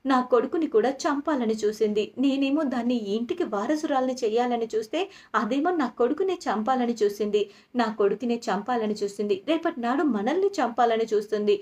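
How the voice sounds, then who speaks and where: Brief: guilt-ridden older woman, pleading and begging forgiveness, read by a woman narrator, voice on the high side. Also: darkish tone, close to an everyday voice.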